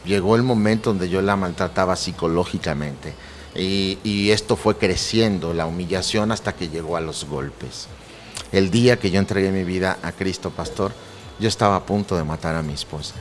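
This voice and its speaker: A middle-aged pastor with a low voice shares his personal testimony earnestly at a moderate pace, quoting scripture in a preacherly way. There's a little hiss or hum on the recording.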